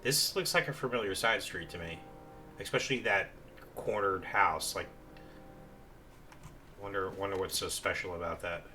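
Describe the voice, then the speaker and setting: Low, bright-toned man rambling over gameplay. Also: moderate pace, long pauses, a little hiss or hum. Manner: casual, rambling, with many fillers. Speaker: gameplay commentator. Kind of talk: let's play commentary.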